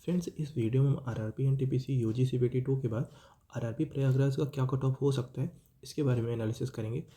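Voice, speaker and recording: A man's voice: mid-range voice, fairly even intonation, quick pace, dark tone. A young man, casually explaining exam cutoffs to students and often correcting himself. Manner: conversational, keeps saying "friends", self-correcting. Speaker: exam-prep YouTuber.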